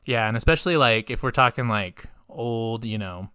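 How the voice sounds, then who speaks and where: Male podcast co-host: casual, rambling, filler-heavy delivery, smooth resonant tone, dry close sound. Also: medium pitch, expressive, moderate pace, pushed and bright, no room sound. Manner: rambling, filler-heavy, swearing, laughs often. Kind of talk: casual chat.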